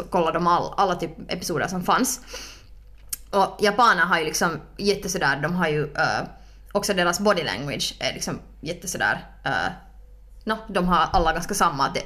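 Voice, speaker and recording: A young woman co-hosting a podcast in casual, playful chat, full of fillers and quick asides. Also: lowish voice, fairly bright tone. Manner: chatty, filler-heavy, playful. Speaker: podcast co-host.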